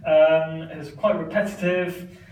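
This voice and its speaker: A man's voice: on the high side, fairly even intonation, measured pace, a little mellow. A man performing stand-up comedy with magic tricks, chatty and self-deprecating, often laughing at his own stories. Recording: echoey room, mic from far off, noisy.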